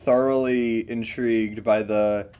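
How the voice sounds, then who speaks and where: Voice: medium pitch, fairly even intonation, a little slow, mellow, slight background noise. A podcast co-host in casual chat about a movie, laughing often and acting out quotes.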